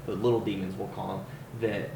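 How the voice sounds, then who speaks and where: A man hosting a casual podcast interview, restarting his sentences often and quick to agree. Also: fairly low pitch, flat delivery. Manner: stammering restarts, quick affirmations. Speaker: podcast host. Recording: roomy, with clear noise.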